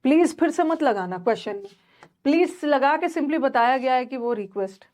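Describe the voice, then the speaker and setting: A woman's voice: sits high, expressive, moderate pace, a little mellow. A young woman teaching an English grammar class, chatty and talking straight to her students with many fillers and restarts. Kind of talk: online class lecture.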